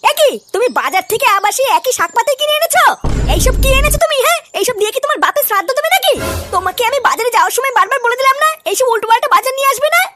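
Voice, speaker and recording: A high, shrill cartoon housewife, acted by a woman, rattling off complaints at speed. She nags her husband crudely and never lets up. Music runs behind her voice. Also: big pitch swings, very fast. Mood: scolding. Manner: scolding and crude-mouthed. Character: nagging middle-aged wife, sharp-tongued and loud. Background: background music.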